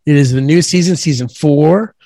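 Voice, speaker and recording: A man co-hosting a casual podcast, loud and profane, hyping up his co-hosts. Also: on the high side, moderate pace, creaky, dry recording, studio quality. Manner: loud, swearing, hype-man energy. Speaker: podcast co-host.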